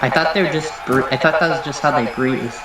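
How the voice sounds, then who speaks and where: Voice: mid-range voice, steady tone, fast talker. Echo-heavy wrestling commentator, conversational. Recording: very echoey room, noisy ambience.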